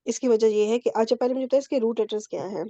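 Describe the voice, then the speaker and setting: A woman teaching Arabic grammar in an online class, her voice a bit high and mellow. She explains patiently step by step and keeps checking that her students follow. The sound is dry and a little dull, like a computer mic on a call. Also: no echo. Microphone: computer mic on a video call.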